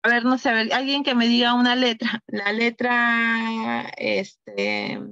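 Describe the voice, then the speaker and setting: A woman's voice: a little high, lively intonation, creaky, sharp tone, dry recording, muffled recording. A woman teacher giving an online class, patiently demonstrating and often checking in with her listeners. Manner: patient, repeats words slowly and checks in with "¿no?". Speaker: teacher trainer.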